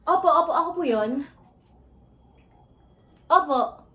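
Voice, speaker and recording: A woman's voice: high voice, expressive, a little slow, bright, forceful tone, a little hiss or hum, full character voice. A woman playing a chatty streamer with a guitar. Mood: polite. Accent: Filipino. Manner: chatty, polite on the phone. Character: young woman singer live-streaming with her guitar.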